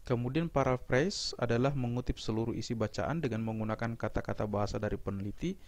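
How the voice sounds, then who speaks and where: A middle-aged man, a university lecturer, explaining step by step in a measured recorded lecture, with small fillers and restarts. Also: mid-range voice, darkish tone.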